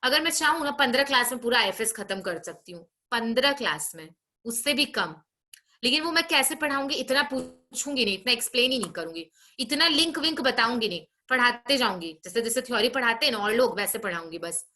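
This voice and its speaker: Bright-voiced woman teacher scolding online class. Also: fairly high pitch, expressive. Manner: scolding, brisk, frequent tag questions. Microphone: video call.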